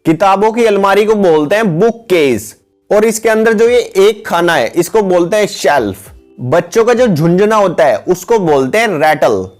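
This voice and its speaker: A man teaching English words for household items in a steady, repetitive voice-over, calling his viewers guys. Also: high-pitched, moderate pace, faint music behind. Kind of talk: vocabulary lesson voice-over with pictures.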